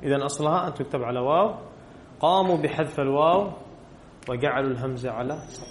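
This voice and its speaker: A man's voice: medium pitch, quick pace, reverberant, a little hiss or hum. A male teacher giving a classroom grammar lesson, putting questions to his students and repeating the key rules.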